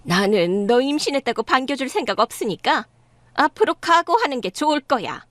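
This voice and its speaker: A woman's voice: high-pitched, very animated, normal speed, fairly bright tone, no echo. A woman voicing a scornful, domineering middle-aged mother-in-law in a dramatized story. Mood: scolding. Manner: sneering, scolding.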